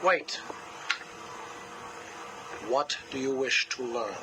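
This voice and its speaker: An actor playing a cold, grieving, obsessive male scientist who talks slowly and mournfully, heard as a cassette tape recording. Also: mid-range voice. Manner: slow, controlled, mournful delivery. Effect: played back from a cassette tape recording. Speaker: interview subject. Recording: hissy cassette tape playback.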